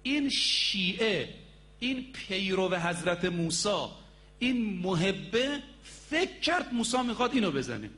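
A man's voice: high-pitched, big pitch swings, pushed and bright. A man preaching a sermon. He tells stories emphatically, stretches out key words, and speaks directly to his audience. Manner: storytelling, addresses the audience directly.

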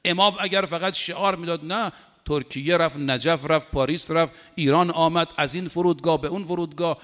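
A man's voice: a little high, a bit bright, in a large hall. A man preaching a religious sermon, impassioned and building to emphatic peaks. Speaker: cleric preacher.

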